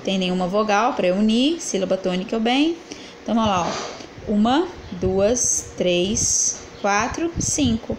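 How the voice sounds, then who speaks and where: A woman's voice: mid-range voice, animated, unhurried, slight background noise, low-quality recording. A woman teacher correcting exercises in a lesson, asking the class questions and answering them herself as she counts syllables aloud.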